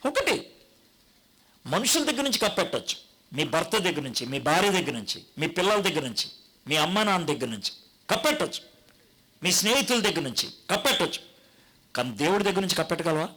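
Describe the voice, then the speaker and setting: A man's voice: fairly high pitch, quick pace, long pauses. A man preaching a sermon, telling stories and acting out the people in them. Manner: animated storytelling, acts out quoted voices. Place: church gathering.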